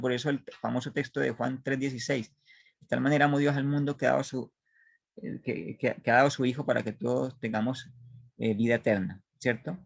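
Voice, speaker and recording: A man's voice: mid-range voice, gravelly, no room sound. A man teaching a Bible study class, reading scripture aloud, stopping to explain and to question his listeners, often restarting his sentences. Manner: halting, with many restarts.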